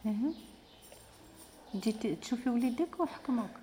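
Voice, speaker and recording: A woman's voice: on the high side, animated, normal speed, warm tone, soft background music. A woman with an Algerian accent interviewing people, probing and repeating her questions to coax answers. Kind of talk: street-style interview, questioning.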